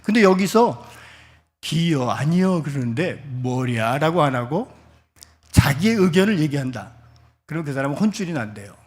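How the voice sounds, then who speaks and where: A middle-aged man preaching a Sunday church sermon, his voice sitting a touch higher than most men's. He moves between reading scripture aloud with the congregation and chatting with them, asking questions and waiting for answers. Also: sing-song, brisk. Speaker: pastor. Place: church service.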